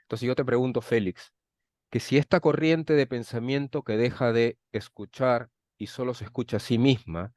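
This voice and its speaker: Man, interviewer, medium pitch, formal deliberate phrasing, measured questioning, dry recording. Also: a little mellow, no room sound.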